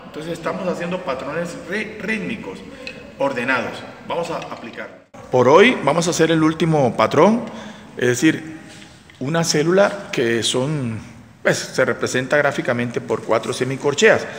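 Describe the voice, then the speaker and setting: A man's voice: a little high, animated, moderate pace, slight background noise. A male music instructor leading a percussion class, counting out rhythms and chanting syllables for his students to follow. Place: community hall. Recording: echoey hall with drums. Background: drums and percussion playing.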